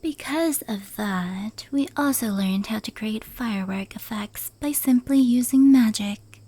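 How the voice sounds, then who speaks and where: In a whispered ASMR roleplay, a woman voices a powerful, proud female fox yokai, her fairly high voice soft, breathy and darkly mellow. She speaks slowly and intimately like a fond confidante, hushed and unhurried, in a proud, explanatory mood. The recording is dry.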